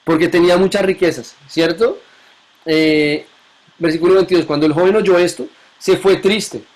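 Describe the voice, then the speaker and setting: A man's voice: high voice, normal speed. A man teaching a Bible lesson to a class, asking questions and repeating key points.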